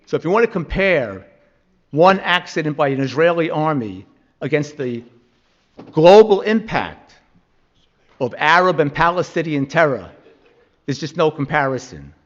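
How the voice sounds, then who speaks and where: High-voiced man, impassioned public comment. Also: very animated, a little slow, pauses often, muffled recording. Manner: impassioned, rhetorical questions. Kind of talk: public comment at a council meeting. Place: council chamber.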